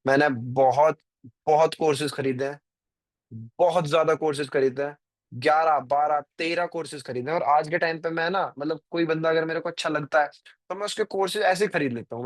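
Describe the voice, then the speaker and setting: This is a dry recording of a fairly high-pitched man in his 20s hosting a trading stream. He chats loosely with viewers, speaking right to them, wandering off topic and filling gaps with filler words.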